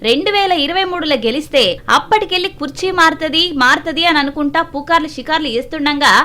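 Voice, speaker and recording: Fast, bright-voiced woman with a Telangana accent. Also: high-pitched. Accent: Telangana Telugu. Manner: teasing, quick comic retorts. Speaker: satirical news co-host. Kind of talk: scripted comic banter.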